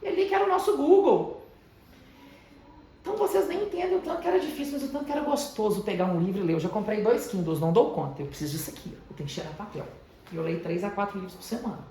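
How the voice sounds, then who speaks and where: 30s mineiro guy giving a calm slow pep talk to teens, super echoey hall, a bit of noise behind. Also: high voice. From Brazil, Minas Gerais. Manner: deliberately calm, slowed and softened delivery. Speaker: motivational speaker to teenagers. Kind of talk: motivational talk. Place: large echoey house of prayer.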